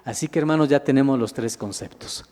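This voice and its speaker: A medium-pitched minister with a darkish tone speaks briskly in a Bible teaching sermon using slides. He addresses the congregation as "hermanos," puts questions to them, and answers on his own, and a large hall gives his voice long reverb.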